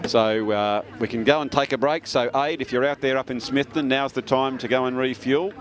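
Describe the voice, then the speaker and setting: A man giving relaxed live commentary on a junior football match at an outdoor ground, often pausing on "uh". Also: mid-range voice. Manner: chatty, relaxed, fond of filler pauses. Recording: outdoor commentary with loud traffic noise.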